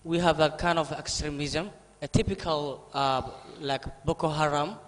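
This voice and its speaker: A man from Somalia asking a question at a conference, speaking haltingly with many pauses and fillers. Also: a little high, steady tone. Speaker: audience member asking a question. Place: large conference hall. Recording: reverberant conference hall.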